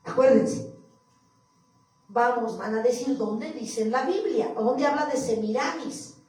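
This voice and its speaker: A woman with a high voice preaches to her church, reading verses aloud and going over them again for her listeners. Her voice rings through a very reverberant hall and sounds like it was picked up from some way off. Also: a little slow, a little mellow. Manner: reads scripture aloud, repeats verses, addresses the congregation. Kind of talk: sermon. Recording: echoey hall, far from mic.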